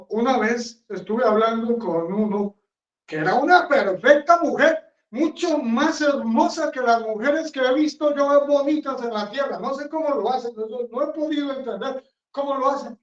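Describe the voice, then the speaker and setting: Rambling friar preaching in a roomy chapel. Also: male voice, very high-pitched. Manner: rambling, conversational, blunt. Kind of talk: sermon. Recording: roomy, distant, dull sound.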